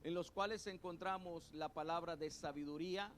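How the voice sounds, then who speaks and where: A middle-aged male pastor preaching a sermon, leading the congregation to repeat terms after him and repeating his points slowly. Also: a little high, a bit bright, a little hiss or hum. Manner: call-and-response teaching, has the congregation repeat terms; spells out words letter by letter and repeats points slowly.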